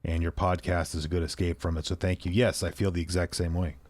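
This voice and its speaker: A male podcast co-host with a low-sitting voice chats casually at a quick pace, rambling a bit while he reads listener emails aloud in a relaxed way. There's no room sound.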